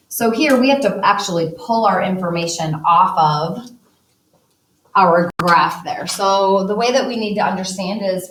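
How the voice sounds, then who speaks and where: A woman teacher talking through math problems step by step, working as she writes and uses a calculator. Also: fairly low pitch. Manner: talks through steps while writing and using a calculator. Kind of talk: recorded math lesson. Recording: echoey room, voice a bit distant from the mic.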